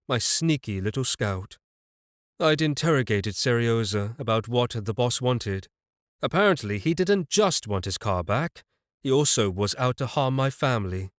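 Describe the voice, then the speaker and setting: A man's voice: medium pitch, no room sound, studio quality. A man narrating a fantasy audiobook in the first person, telling it evenly with a wry touch.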